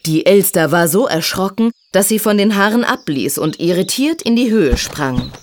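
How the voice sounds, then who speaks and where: A woman reading a children's story aloud in an expressive, sing-song way. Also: medium pitch, moderate pace.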